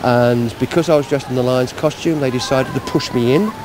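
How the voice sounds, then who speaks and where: A man who organises a charity event, explaining it informally and in a measured way in an outdoor interview. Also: medium pitch. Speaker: Lions club event organiser. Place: outdoors at a seafront. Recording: outdoor street and traffic noise.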